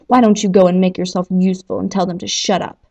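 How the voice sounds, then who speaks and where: A woman's voice: lowish voice, little pitch movement, fast, creaky, a little mellow, dull audio. A woman voicing a grumpy, hungover male dwarf in a storybook reading, blunt and irritable.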